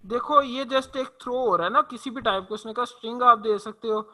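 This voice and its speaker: A man's voice: extremely high pitch, a little fast, pushed and bright. A man teaching a programming class live online, talking casually and checking in with his students, heard through a faulty microphone that distorts and clips. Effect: distorted, clipping microphone. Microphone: faulty computer microphone on a video call.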